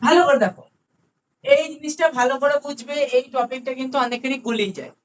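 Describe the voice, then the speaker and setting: A woman with a Bengali accent and a high voice gives an online grammar lesson. She explains patiently, slowing down to repeat key words and often checking whether her students have understood. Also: a little hiss or hum. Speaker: English grammar tutor.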